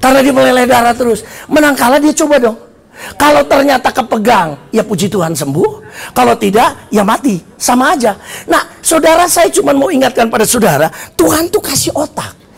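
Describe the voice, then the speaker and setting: Gravelly, animated Indonesian preacher man. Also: extremely high pitch, fairly quick. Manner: animated storytelling, acting out shouted dialogue. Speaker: pastor. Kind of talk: lively comedic sermon. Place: church service.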